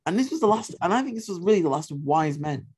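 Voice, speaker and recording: A man's voice: high voice, expressive, fast talker, husky. A man hosting a history podcast, talking in an emphatic, opinionated way, repeating points for stress and swearing casually. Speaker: podcast host.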